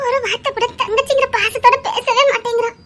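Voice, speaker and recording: A performer playing a very high-voiced, emotional young woman. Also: steady tone, quick pace, crowd noise. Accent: Tirunelveli Tamil. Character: emotional young woman visiting her friend.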